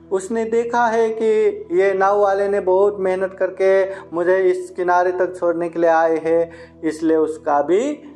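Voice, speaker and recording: Slow-speaking monk telling a moral story. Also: male voice, high voice. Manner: unhurried, repetitive, with interjections of "haan". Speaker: Buddhist monk. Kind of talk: storytelling dharma talk. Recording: faint instrumental music behind. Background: soft instrumental music.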